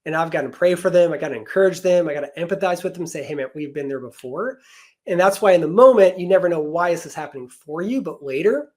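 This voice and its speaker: A man's voice: high-pitched, fast talker, few pauses. A man in his thirties, a podcast guest, earnestly telling an emotional personal story about loss and faith.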